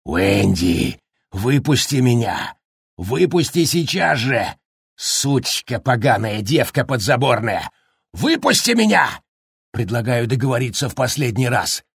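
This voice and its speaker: A man voicing a raging, unhinged middle-aged father who shouts threats in a husky voice. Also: low-pitched, very animated, extremely slow, no room sound, clean studio sound, exaggerated voice.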